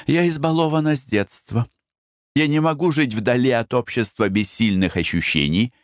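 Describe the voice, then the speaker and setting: A man voices a spoiled, coquettish young woman who talks in an arch, reproachful way, pitching his mid-range voice above his natural one while staying close to an everyday sound. He speaks at a moderate pace in a studio-quality recording with no room sound.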